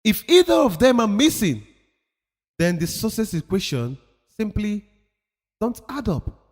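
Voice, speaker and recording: A man with a high voice gives a motivational talk, his pitch swinging widely as he presses his points. He talks in an emphatic, preachy way and repeats phrases for effect. A long reverb hangs on the sound, as in a hall. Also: sing-song, a little slow. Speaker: motivational speaker.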